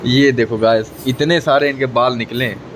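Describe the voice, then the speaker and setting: Background noise runs under this casual home vlog, where a young man talks to his phone camera at a moderate pace. A family vlogger with a mid-range, fairly even voice, he keeps teasing and calling out to viewers.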